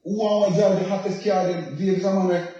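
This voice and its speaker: A man's voice: high voice, level tone, fast talker, warm tone, highs cut off. A man with a Jamaican accent casually telling stories as a radio interview guest, slipping into patois and checking that the listener follows. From Jamaica, left as a youth. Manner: patois-laced, often checks the listener understands. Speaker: dancehall singer, interview guest. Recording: very echoey, roomy sound.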